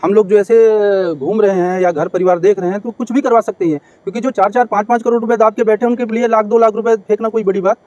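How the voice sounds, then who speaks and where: A man's voice: high-pitched, fairly even intonation, fast, few pauses, dark tone, no room sound, muffled recording. A man giving an urgent statement to a news reporter, hesitating with fillers. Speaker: complainant interviewed.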